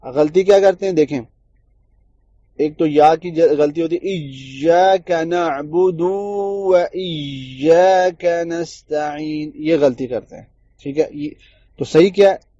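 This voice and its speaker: Dry, mellow-voiced male tajweed teacher. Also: on the high side, no echo, muffled recording. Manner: explains mistakes, then models slow drawn-out recitation. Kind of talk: Quran recitation lesson.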